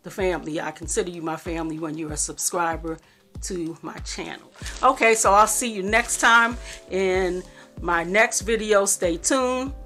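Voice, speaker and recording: A woman's voice: lowish voice, moderate pace, sharp tone. A middle-aged woman talking casually to viewers in a rambling, homey and affectionate way, as a cooking vlogger. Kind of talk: casual home vlog chat. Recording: faint background music.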